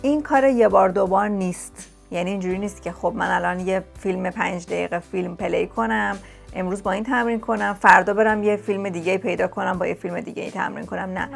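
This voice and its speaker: A woman speaks straight to her viewers in a relaxed, chatty vlog, sharing tips and circling back on key words for emphasis. Her voice sits at a middle pitch with a noticeable gravelly fry. Quiet music plays underneath. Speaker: vlogger sharing language-learning tips. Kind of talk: casual talk to camera. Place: lives in England.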